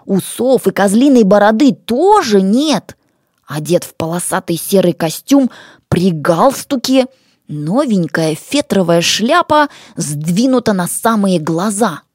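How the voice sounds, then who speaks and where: A woman reading a children's novel aloud as an audiobook, with expressive storytelling. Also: mid-range voice, unhurried, no echo, clean studio sound. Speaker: audiobook reader. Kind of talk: audiobook narration.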